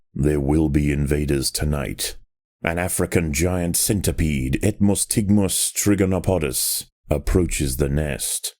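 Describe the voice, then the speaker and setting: In a very deep, dark-toned voice, a man narrates a strategy game as if it were a nature documentary. His storytelling is measured, grave and dramatic.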